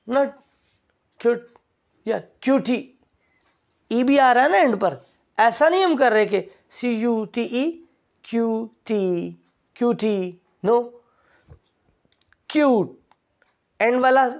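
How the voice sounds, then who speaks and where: Woman, English teacher, pronunciation lesson, very slow, asks and answers her own questions, muffled lo-fi audio. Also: fairly high pitch, darkish tone. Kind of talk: recorded vowel pronunciation lesson. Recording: dull lo-fi recording.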